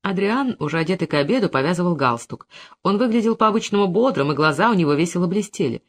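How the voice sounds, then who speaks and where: An audiobook narrator reading a literary novel aloud. The pitch sits mid-range and the delivery is even and measured. It is scripted narration.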